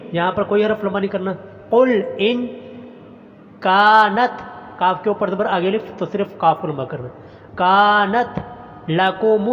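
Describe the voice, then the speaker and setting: A male Quran teacher recites each word slowly and drawn out, then explains its pronunciation briskly. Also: high voice, in a large hall, dull audio, a little hiss or hum. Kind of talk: recitation lesson.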